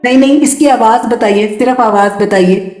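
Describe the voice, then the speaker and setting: A woman's voice: a little high, darkish tone, echoey room. Encouraging woman teaching Quran recitation. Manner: patient, encouraging, repeats words slowly for students. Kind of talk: online tajweed class. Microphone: computer mic in an online video class.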